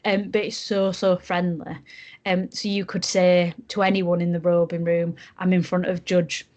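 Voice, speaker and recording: A young woman with a broad Yorkshire accent, explaining things in a casual podcast interview with frequent ums and pauses. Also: on the low side, level tone, darkish tone. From Yorkshire, England. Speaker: junior barrister, podcast guest.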